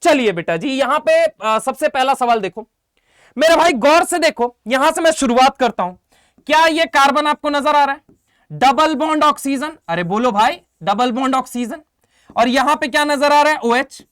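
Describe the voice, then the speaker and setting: A man's voice: extremely high pitch, normal speed, no room sound, clean studio sound. A man teaching chemistry in an online exam-prep class, firing questions at his students and coaxing them to answer back. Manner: energetic call-and-response questioning; coaxing, calls students "beta" and "bhai".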